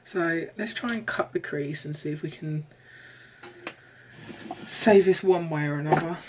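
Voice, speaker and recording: A young woman doing a chatty, self-deprecating makeup vlog in her bedroom, sometimes breaking into excited squeals. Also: low voice, background noise. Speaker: beauty vlogger. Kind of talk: chatty get-ready-with-me vlog.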